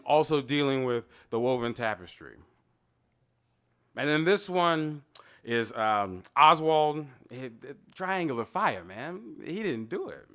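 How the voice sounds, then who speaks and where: A man in his thirties gives an animated gallery talk about his own art. His pitch sits fairly high and swings a lot as he talks. His voice is bright, and he wanders off into stories, acting out the voices in them. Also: smooth. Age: 30s. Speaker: artist talking about his own work. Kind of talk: gallery talk, casual storytelling.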